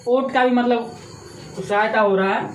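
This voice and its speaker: A man's voice: very high-pitched, steady tone, a little slow, fairly bright tone. A man teaching a grammar lesson, asking questions aloud and answering them himself in a repetitive classroom manner. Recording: echoey room with faint ambient noise.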